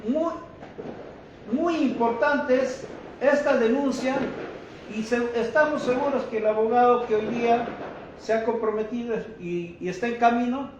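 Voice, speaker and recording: A man with a high voice delivers a slow, deliberate press conference statement, denouncing and calling his listeners brothers. The sound is very echoey and dull, with faint noise behind him. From Peru. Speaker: activist speaking at a press conference.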